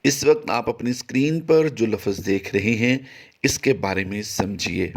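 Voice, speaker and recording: Speaking a little slowly with a creaky voice, a man gives a recorded tajweed lesson on reading the Quran. He explains patiently and chants every sample word high and prolonged.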